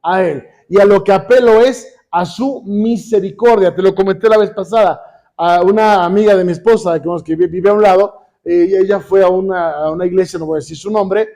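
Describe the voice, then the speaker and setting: A man's voice: sits high, a little fast, mellow. A middle-aged man with a Mexican accent preaching a sermon, who keeps saying "hermanos" and asks his congregation questions, with joking asides.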